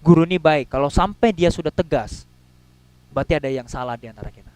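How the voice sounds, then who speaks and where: A man preaching a sermon in a casual, slangy way, swinging between loud and soft and acting out quotes. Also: a little high, fast, poor audio.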